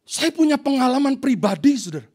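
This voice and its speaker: A man preaching a sermon to his church congregation, telling stories in a lively, animated way. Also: extremely high pitch, fairly quick. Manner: animated storytelling, addressing the congregation. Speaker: pastor.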